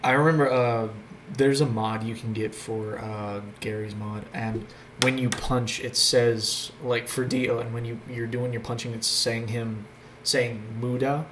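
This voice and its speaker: A man's voice: mid-range voice, fairly even intonation, a little slow, fairly bright tone, slight background noise. A man hosting a casual chat show, rambling and hesitant with many fillers and restarts. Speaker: host.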